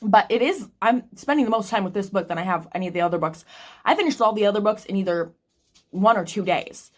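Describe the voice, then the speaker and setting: A woman's voice: medium pitch, quick pace. A woman book vlogger chatting casually to camera and thinking aloud with restarts, eating snacks between sentences. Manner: eating snacks while talking.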